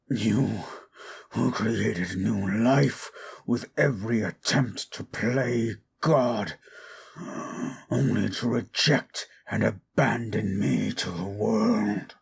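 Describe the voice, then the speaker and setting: A man playing Frankenstein's bitter, anguished monster in a dramatic audio monologue, with a raspy, gravelly voice and theatrical, archaic, deliberate delivery. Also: on the low side, darkish tone, heavily acted. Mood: cold, menacing. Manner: slow, deliberate, theatrical, archaic formal diction. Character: Frankenstein's monster, bitter, anguished, wrathful abandoned male creation.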